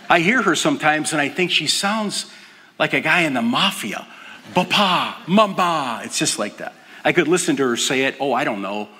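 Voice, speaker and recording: An older man preaching with a bright, forward tone, earnest and dropping to a hush to stress a point. His voice rings out with a long reverb in a large hall. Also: mid-range voice, slightly rough. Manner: earnest, drops to a soft hush for emphasis. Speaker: pastor. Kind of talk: sermon.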